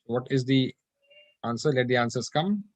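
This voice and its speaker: A man teaching an online Arabic class, patiently repeating phrases slowly for his students. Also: medium pitch, lively intonation, no room sound.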